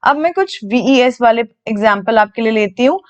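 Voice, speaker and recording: Woman teacher with a fairly high voice on a dull lo-fi recording, patiently walking students through grammar. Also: expressive, moderate pace. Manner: patient, repeats key words, asks and answers her own questions. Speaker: English teacher. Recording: dull lo-fi sound.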